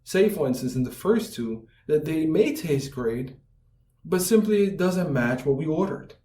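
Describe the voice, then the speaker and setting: A writing instructor with a mellow, slightly high voice walks through academic writing step by step over slides, often checking in with "right?". The recording has a roomy echo from a distant mic, with faint music behind him.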